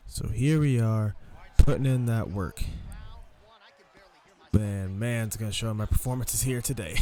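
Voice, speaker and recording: A young man with a medium-pitched, mellow voice hosts a gaming channel, rambling casually and tiredly through his commentary. He's sleepy, yawning as he talks and swearing now and then.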